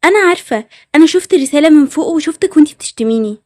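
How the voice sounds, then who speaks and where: A woman's voice: high-pitched, lively intonation, racing, darkish tone, dry recording. A woman with an Egyptian accent voicing a touchy, suspicious schoolgirl who keeps accusing people. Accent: Egyptian Arabic. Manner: accusing, indignant. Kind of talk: storytelling over animated game scenes.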